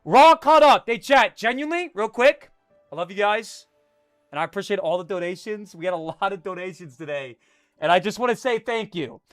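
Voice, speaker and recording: A young man live streaming and chatting with his viewers, jumping between loud hype and a low, mock-menacing mutter. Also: lively intonation, a little fast, dry recording, studio quality, faint music behind.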